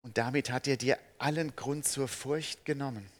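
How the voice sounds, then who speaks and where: A man preaching a sermon, earnest, asking his listeners direct questions, swinging between emphatic peaks and soft, slow passages. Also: medium pitch, fairly even intonation.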